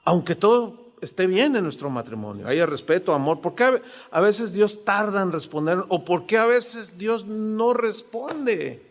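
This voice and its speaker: Mexican pastor preaching in an echoing hall. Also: male voice, high voice, expressive, a little slow, hardly any pauses. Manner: conversational preaching with rhetorical questions. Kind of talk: sermon. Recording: long hall reverb.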